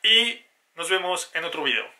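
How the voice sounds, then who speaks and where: A man's voice: on the high side, lively intonation, normal speed, pushed and bright. A man in his twenties with a Mexican accent hosting a playful, chatty explainer, his mouth swollen after wisdom tooth removal. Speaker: YouTube host. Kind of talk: scripted explainer to camera with casual jokes. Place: small indoor room at home.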